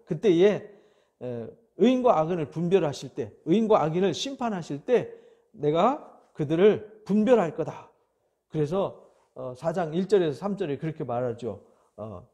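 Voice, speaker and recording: Male pastor, Bible teaching sermon. Lively and conversational, acts out quotes. Slightly high but mellow voice. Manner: animated, acts out skeptics' taunts, frequent "eo?" check-ins.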